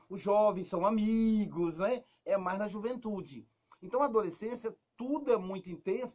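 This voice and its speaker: A man with a Brazilian Portuguese accent giving casual advice on a talk show, lively, acting out quoted lines and dropping to a soft, low voice.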